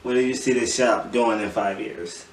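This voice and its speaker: A man's voice: fairly low pitch, steady tone, normal speed, a little hiss or hum. A young man hosting a casual chat, telling stories in slangy, profane stoner talk. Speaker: host of a smoking chat show. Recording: echoey room, distant mic.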